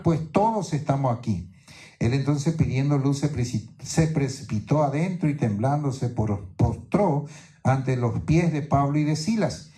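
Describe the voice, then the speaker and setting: Mellow-voiced male preacher. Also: a little high. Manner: teaching tone, keeps asking "¿no es cierto?". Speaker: pastor. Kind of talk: sermon. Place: church in New York.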